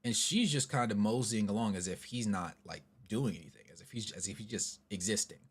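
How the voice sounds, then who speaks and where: A man telling a story casually to his vlog audience, chatty and animated with asides. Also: lowish voice, a little fast, breathy edge. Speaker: vlogger, storyteller.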